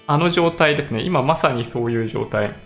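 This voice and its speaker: A man's voice: medium pitch, measured pace, faint music behind. A man chatting casually to camera in a newly moved-in empty room, his voice echoing off bare walls into a condenser mic. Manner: relaxed, chatty, often laughing. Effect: echoey bare room. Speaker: vlogger. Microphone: condenser mic on a stand.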